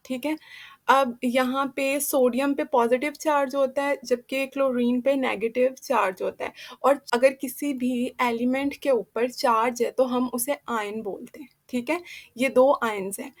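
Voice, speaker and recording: High-voiced woman teaching chemistry patiently. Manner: patient, checks in with frequent "theek hai". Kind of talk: classroom explanation.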